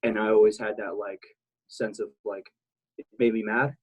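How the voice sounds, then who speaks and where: A man's voice: on the low side, fairly even intonation, normal speed, slightly rough, low-quality recording. A man from South Texas talking casually as a podcast guest, candid and rambling, swearing freely. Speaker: guest, military veteran.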